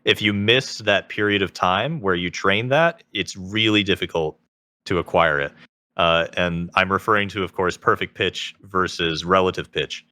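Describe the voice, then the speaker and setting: A man with a very deep voice and a touch of vocal fry is a guest in a conversational interview, introduced as a self-taught singer. He sounds forceful and bright, recorded close and dry with no room sound, and he explains things carefully, qualifying his points as he goes.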